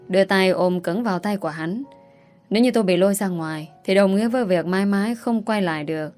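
A woman's voice: on the low side, a little mellow. Female audiobook narrator, dramatic and emotional first-person delivery.

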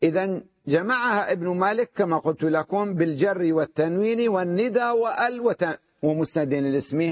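A man teaching Arabic grammar in a classroom lesson, often checking that his students follow and slowing down to read out quoted lines. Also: high voice, no echo. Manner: checks understanding with frequent questions to students. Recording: dull lo-fi lecture recording.

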